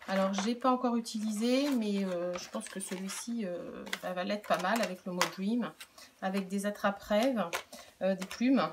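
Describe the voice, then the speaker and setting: A woman's voice: medium pitch, darkish tone. Middle-aged lady chatting about her craft buys, lots of ums and restarts, faint hiss and clicks behind. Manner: chatty, hesitant, many fillers and restarts. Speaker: crafting vlogger and product demonstrator. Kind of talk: casual show-and-tell vlog. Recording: faint background noise and clicks.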